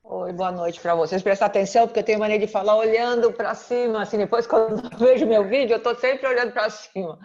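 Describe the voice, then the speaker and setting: A woman's voice: mid-range voice, steady tone, fast talker, few pauses, darkish tone. A woman, an integrative therapist, introducing herself with enthusiasm over a video call. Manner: enthusiastic, chatty. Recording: dull, lo-fi call audio.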